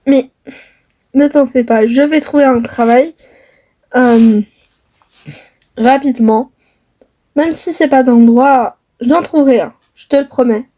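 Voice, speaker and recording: A woman's voice: high-pitched, slow pace, long pauses, warm tone. Woman playing an earnest young man in love. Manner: earnest, hesitant with many fillers. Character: young man in love, defiant toward his mother. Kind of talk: homemade family skit.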